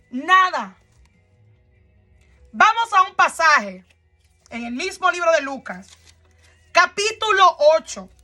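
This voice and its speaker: A woman's voice: sits high, bright, forceful tone. A woman preaching a fervent sermon, speaking straight to the listener with rhetorical questions.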